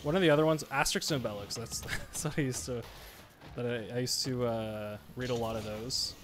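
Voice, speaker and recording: A man's voice: medium pitch, fairly even intonation, brisk, a bit bright, a little hiss or hum. A young man streaming a game, talking casually in a rambling, conversational way. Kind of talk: casual livestream chat. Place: small indoor room at home.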